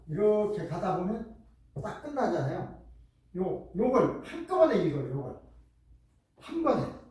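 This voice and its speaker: An older man, a professor giving a lecture, talking in an animated, emphatic way and repeating his key words. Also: high voice. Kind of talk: lecture on speed reading. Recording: echoey room, voice from far off.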